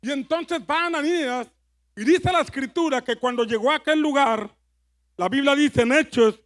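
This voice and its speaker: A man's voice: very high-pitched, normal speed, a bit bright. A man preaching a sermon with fervor, repeating his phrases and calling on the congregation to answer back. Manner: fervent, repeats phrases, leads congregation call-and-response.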